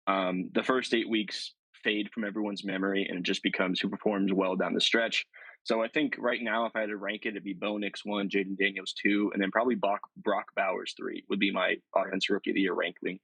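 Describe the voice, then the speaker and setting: Husky, low-voiced man, opinionated podcast co-host, dry close sound. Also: little pitch movement, a little fast, pushed and bright, no echo, poor audio. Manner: opinionated, argues at length. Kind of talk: casual sports chat.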